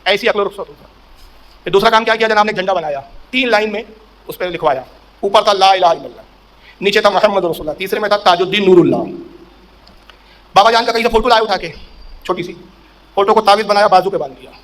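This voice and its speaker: A man's voice: high-pitched, long pauses, fairly bright tone. A man preaching a sermon in a storytelling way, acting out quoted speech with a raised voice.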